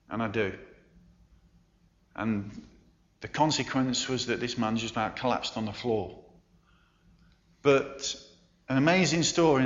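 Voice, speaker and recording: A man preaching a sermon, telling a story with emphatic pauses and soft endings. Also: mid-range voice. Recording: roomy, slightly dull sound.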